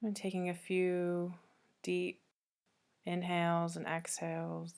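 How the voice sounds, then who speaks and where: This woman, a yoga teacher, speaks softly and calmly through a guided meditation, with long silences between soothing directions. Her voice is fairly low and creaky.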